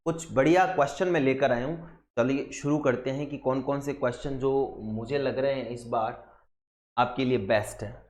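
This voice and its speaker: A man's voice: mid-range voice, fairly even intonation, normal speed, a little mellow, echoey room. A man from India, an English teacher, explaining grammar for exam preparation step by step, asking rhetorical questions and mixing English terms into his talk. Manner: mixes Hindi with English terms. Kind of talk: exam-prep grammar lesson.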